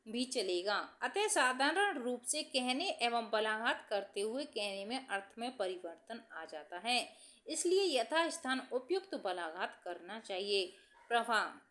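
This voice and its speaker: A woman teacher reading exam answers aloud from study notes in a steady, dictation-like way, announcing each question number. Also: a little high.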